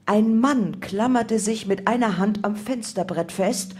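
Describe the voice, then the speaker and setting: A woman reading a first-person memoir aloud in calm, measured narration. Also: medium pitch. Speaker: audiobook reader.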